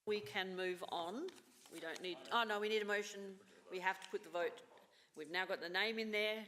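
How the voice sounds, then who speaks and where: A woman chairing a council meeting as mayor, brisk and matter-of-fact as she calls the votes. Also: medium pitch, fairly bright tone. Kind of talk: formal council meeting procedure. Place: council chamber. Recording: roomy chamber sound.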